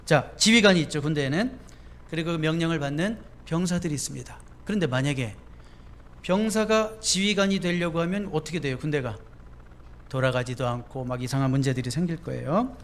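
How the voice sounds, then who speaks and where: A man's voice: on the high side, a little fast. A male pastor preaching a sermon in a conversational way, often asking the congregation questions.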